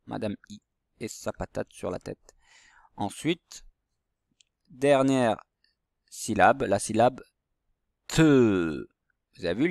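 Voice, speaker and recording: A man gives a handwriting lesson to young children in an unhurried, patient way, walking them through each stroke. His voice sits in a middle register and the recording is close and dry, with no room sound. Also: medium pitch, creaky, no room sound. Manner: slow, patient, step-by-step instruction. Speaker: primary school teacher.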